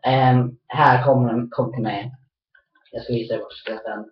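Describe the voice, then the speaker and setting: A woman's voice: rumbling low, fairly even intonation. A woman chatting casually while playing an online shooter with her sibling, rambling, cursing at the game and fussing protectively over the other player. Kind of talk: casual gaming chat. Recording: dull, roomy, off-mic home recording.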